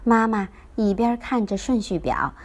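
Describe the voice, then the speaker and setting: A woman reading a children's bedtime story aloud in a slow, gentle storytelling manner. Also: fairly high pitch, animated.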